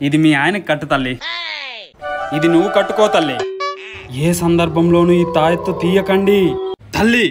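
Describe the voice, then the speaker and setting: A man playing an imperious, money-minded sorcerer holy man in a comedy skit, his voice pitched up. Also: normal speed, pauses often. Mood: imperious, scolding. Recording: music over the dialogue.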